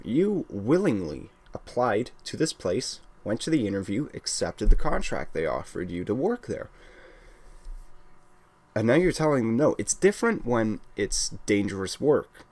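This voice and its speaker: A young man from Wales ranting at home, blunt and exasperated, often restarting his sentences. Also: on the low side. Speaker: gaming channel host. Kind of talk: casual ranting monologue.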